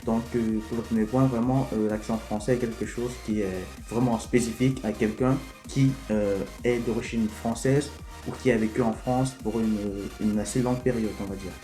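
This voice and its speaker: A man from Africa explains things slowly and with some hesitation in a casual vlog. His voice is soft and mellow. The room has a noticeable echo, and faint music plays underneath. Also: fairly low pitch, steady tone. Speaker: vlogger.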